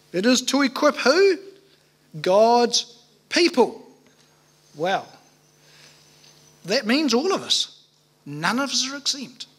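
Sex: man. Role: pastor at a pulpit microphone. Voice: high. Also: fairly bright tone. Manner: earnest, emphatic, with rhetorical questions. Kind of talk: sermon.

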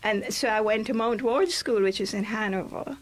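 A woman's voice: on the high side, normal speed. Older Jamaican woman reminiscing. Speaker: guest poet. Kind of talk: radio interview. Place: small radio studio, indoors. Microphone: studio microphone on a boom arm.

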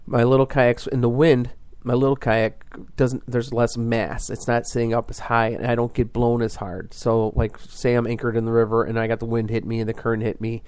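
A man's voice: medium pitch, little pitch movement, a little fast, hardly any pauses, darkish tone, smooth, no room sound. A man hosting a fishing podcast, explaining things in a casual, rambling way full of fillers and restarts.

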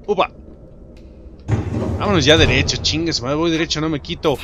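Excitable Mexican gamer, rather high voice. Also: male voice, moderate pace, background noise. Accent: Mexican Spanish. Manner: excitable and profane, shouting at enemies. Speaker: gaming YouTuber. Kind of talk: let's play commentary. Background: game music.

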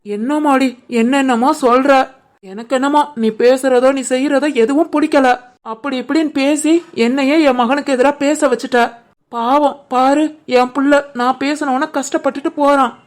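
A woman voicing a soft-hearted village mother in an animated family drama, gentle and pleading, with a southern Tamil Nadu village dialect. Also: high voice, normal speed, natural voice.

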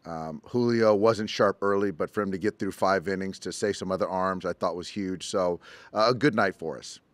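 A middle-aged man, a baseball manager, answering postgame press conference questions in a measured, halting way with many ums, at a table mic. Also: low-pitched, no echo. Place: press conference room, indoors. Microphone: table mic in front.

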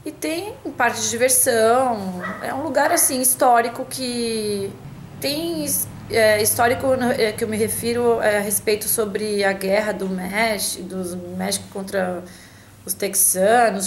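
A woman's voice: fairly high pitch, noisy background. A woman from Brazil talking casually to camera at home, chatty and hesitant, with many restarts and fillers. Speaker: vlogger answering a tag.

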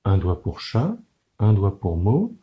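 A man giving a children's lesson on counting syllables, speaking slowly and clearly in a sing-song teacher's manner. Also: fairly low pitch, wildly swooping pitch, lo-fi sound.

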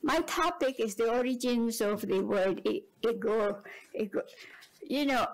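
An older Filipino woman lecturing at an academic conference, her voice pitched a little high. She speaks in a measured, digressive way, wandering into personal asides before coming back to her point. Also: low-quality recording. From Philippines.

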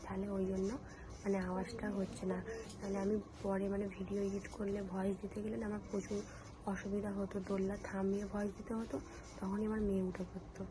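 Young woman, chatty home vlogger on a phone camera, noisy background. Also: mid-range voice. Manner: chatty, addresses viewers as friends. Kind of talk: casual daily vlog talk.

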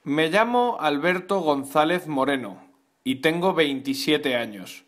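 A man with a Madrid accent reads a scripted self-introduction for language learners. His voice sits a little high and he speaks slowly, setting out each detail deliberately. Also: lively intonation, fairly bright tone. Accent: Madrid Spanish. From Madrid, Spain. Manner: slow, deliberate dictation of details. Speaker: voice actor in a language lesson.

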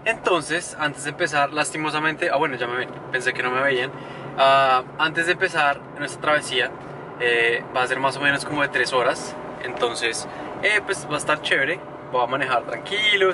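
This Colombian travel vlogger, his voice a little high and at a moderate pace, chats playfully and speaks straight to viewers. Driving a small car and walking through town streets, he records on a camera on the dashboard or at arm's length, picking up noisy road and street sound.

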